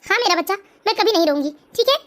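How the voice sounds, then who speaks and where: A performer voicing a loving elderly mother in an animated family story, tender and soothing. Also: extremely high pitch, rapid-fire.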